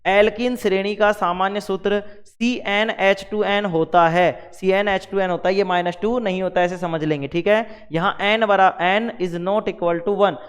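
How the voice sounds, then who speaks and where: A man's voice: high voice, steady tone, measured pace, hardly any pauses, clear, resonant tone, long reverb tail. A man teaching a revision lesson at the board, repeating terms and quizzing the class with questions.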